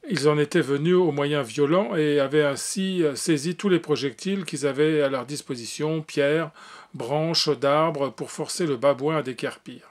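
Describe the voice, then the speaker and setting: A man reads an old adventure novel aloud, his voice a little high for a man. He hesitates and restarts often, filling gaps with small sounds. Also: normal speed. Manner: hesitant, with frequent fillers and restarts. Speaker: audiobook reader.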